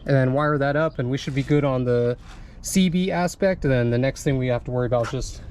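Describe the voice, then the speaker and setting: In a casual how-to vlog, a young man explains installing a radio in his truck, relaxed and chatty with plenty of "uh" pauses. His pitch is an ordinary middle, and the camera mic drifts nearer and farther over faint background noise.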